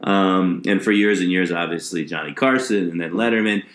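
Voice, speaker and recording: A man with a fairly low voice hosts a relaxed, conversational podcast interview. He builds his points haltingly, often rewording them midway. The recording is roomy, with clear echo around his voice. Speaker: podcast host; comedian.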